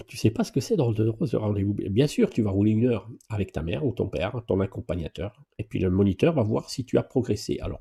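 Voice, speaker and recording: Male driving instructor, informal live Q&A; dark, mellow tone with gravelly fry; familiar, playful delivery. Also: on the low side. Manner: familiar, chatty, addresses viewers informally; lively exclamations and playful asides. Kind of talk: casual live Q&A driving lesson.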